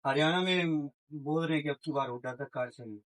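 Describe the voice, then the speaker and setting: A man working as a field reporter, questioning villagers in a loud, pushy way. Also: fairly high pitch, brisk, low-quality recording. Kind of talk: street interview.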